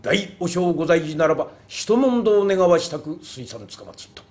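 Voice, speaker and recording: A man's voice: fairly high pitch, big pitch swings, a little mellow. Man doing a stiff, pompous wandering monk. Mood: solemn. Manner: slow, stiff and archaic. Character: pompous wandering male Zen monk, formal. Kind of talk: rakugo storytelling.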